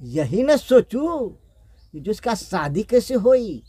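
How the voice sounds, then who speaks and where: A man's voice: high-pitched, big pitch swings, takes it slowly, warm tone, slightly rough, no echo, heavily acted. Man doing a greedy, wheedling friend. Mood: smug. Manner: smug, wheedling reassurance. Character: greedy, scheming male friend of a king.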